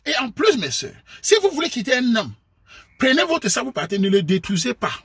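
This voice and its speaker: A man from Cameroon with a Cameroonian French accent, delivering a preachy, scolding monologue to his viewers and sometimes bursting into shouts. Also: very high-pitched, big pitch swings, brisk, husky, no echo, clean studio sound. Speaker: online commentator.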